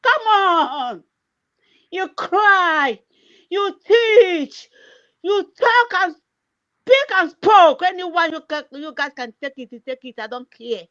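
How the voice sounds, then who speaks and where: On a political livestream, a Nigerian-accented activist for whom English is a second language rants with passion, repeating herself emphatically and using lots of "eh" fillers. Her voice is very high and slow, with big swings in pitch and a slightly bright tone. The audio sounds dull.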